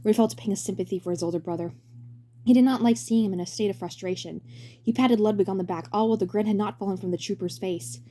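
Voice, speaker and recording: A woman's voice: mid-range voice, quick pace, dark tone, a little hiss or hum. A woman narrating a fan story as a dramatic reading.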